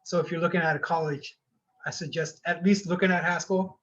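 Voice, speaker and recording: A man from Alaska introduces himself in a brief, laid-back way. His voice sits slightly high. The call audio is dull and lo-fi. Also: steady tone, brisk, a bit bright. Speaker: community health worker. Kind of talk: casual self-introduction.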